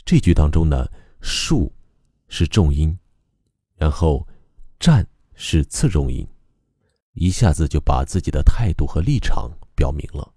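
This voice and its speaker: A man teaching how to recite a poem, explaining calmly and methodically with frequent pauses. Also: rumbling low, slightly rough, no echo, studio quality. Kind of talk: explanatory lesson on reading poetry aloud.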